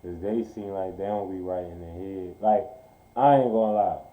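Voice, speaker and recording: A man's voice: sits low, normal speed, roomy sound, narrow, tinny audio. A man streaming live who reacts to a played video with rambling, profane, slang-heavy commentary. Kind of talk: casual live-stream chat.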